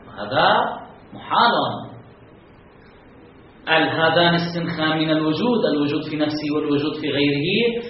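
A man with a somewhat high voice gives a classroom lecture and keeps posing questions that he answers himself. He sounds far from the microphone in a very echoey room. The sound is muffled, and faint noise hangs in the background. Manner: reasons aloud with rhetorical questions, stressing key terms. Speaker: teacher of Islamic philosophy. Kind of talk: classroom lecture explaining a text.

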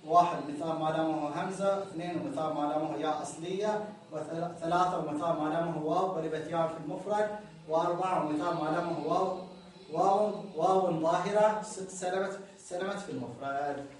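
A man's voice: a little high, fast. A male teacher explaining a grammar lesson step by step, repeating words as he points at the text. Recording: echoey room, distant mic, faint noise.

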